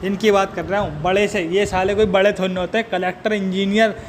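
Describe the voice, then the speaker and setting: A man's voice: high voice, level tone, a little fast, a little hiss or hum. A man delivering a profane, mocking comedic rant. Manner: abusive, mocking rant with frequent swearing. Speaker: comedic roaster.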